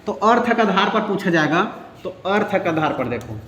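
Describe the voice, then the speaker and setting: A man's voice: high-pitched, sing-song, moderate pace, fairly bright tone, a little hiss or hum. A male teacher giving a grammar lesson, repeating key points and asking if everyone is following. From India. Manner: repetitive, drilling with check-ins. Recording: echoey room with faint ambience.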